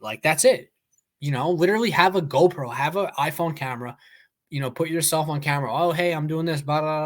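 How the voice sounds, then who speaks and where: A man's voice: mid-range voice, a bit bright. A man co-hosting a podcast, talking casually and emphatically, with lots of "like" fillers. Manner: talkative, emphatic, many "like" fillers. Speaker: podcast co-host. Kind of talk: casual chat.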